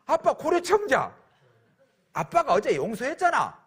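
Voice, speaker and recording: A weepy, pleading young boy, as a preacher acts him out in a sermon anecdote. The voice is pitched high and strained and sounds husky and childish. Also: wildly swooping pitch, fairly quick, fairly bright tone, full character voice. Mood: whining. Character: young son weeping, pleading for forgiveness.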